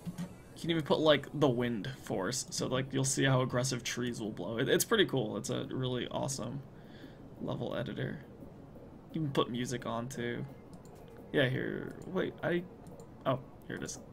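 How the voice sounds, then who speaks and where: A man's voice: mid-range voice, normal speed, vocal fry, background noise. A man streaming casually, rambling and thinking aloud as he works, laughing often. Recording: music playing behind.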